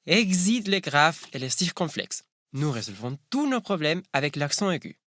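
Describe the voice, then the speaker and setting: A man's voice: a little high, big pitch swings, moderate pace, sharp tone, no echo, studio quality. A man from Spain whose first language is Spanish, giving a wry, teasing scripted narration.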